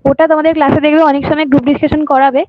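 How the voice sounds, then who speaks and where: A woman's voice: sits high, level tone, rapid-fire, no room sound. A woman tuition teacher, giving an online lecture and often checking that students follow. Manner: repeats points, asks "ঠিক আছে?" often. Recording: tinny phone-like audio.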